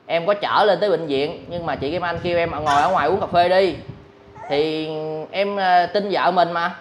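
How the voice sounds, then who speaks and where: A man's voice: on the high side, normal speed, slight background noise. A young man with a Southern Vietnamese accent, earnestly telling his own story as a husband, retelling conversations with many fillers. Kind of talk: emotional first-person account.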